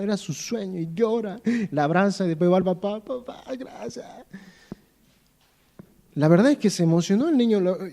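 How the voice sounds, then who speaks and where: In church, a pastor with a high, mellow male voice delivers a conversational sermon. He tells stories with many fillers and restarts, repeats phrases for emphasis, and speaks directly to his listeners.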